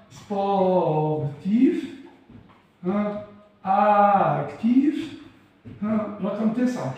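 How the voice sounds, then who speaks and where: A man with an Egyptian Arabic accent teaches a French lesson. He repeats each word slowly and keeps quizzing the class with questions. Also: high voice, darkish tone, recorded from a distance. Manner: drills words by repeating them slowly. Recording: echoey room, voice from afar.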